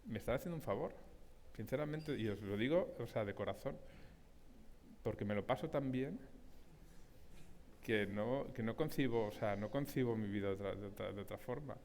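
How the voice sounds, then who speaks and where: Man rambling warmly on stage. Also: lowish voice, a little hiss or hum. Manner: laughing, halting restarts. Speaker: panel guest. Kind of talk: casual panel talk. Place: auditorium.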